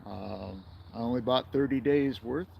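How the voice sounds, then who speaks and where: A man's voice: medium pitch, unhurried, gravelly, muffled recording, slight background noise. A man in his sixties from the United States, rambling and chuckling as he chats casually with viewers on a livestream. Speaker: livestream host.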